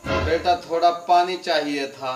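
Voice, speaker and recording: A gentle old blind father, heartbroken and pleading, as a man acts him out. He speaks poetically in a fairly high voice in a melodramatic audio drama. The voice has a roomy echo over soft music. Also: steady tone, a little slow, natural voice. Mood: pleading gently. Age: older. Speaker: voice actor.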